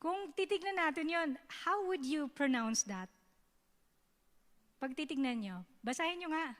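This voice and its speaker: A woman's voice: high voice, unhurried, fairly bright tone, long reverb tail. A Filipino woman giving a youth sermon in casual mixed speech, often checking in with her listeners. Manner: conversational, keeps asking "diba?". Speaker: youth service speaker. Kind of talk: Taglish sermon teaching. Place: church hall.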